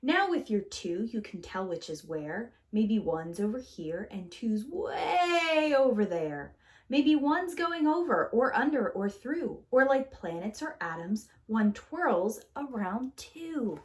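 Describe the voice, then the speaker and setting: Taking it slowly, a woman reads a picture book aloud for young preschool listeners. She performs it theatrically with lots of pitch movement and lingers on the key words.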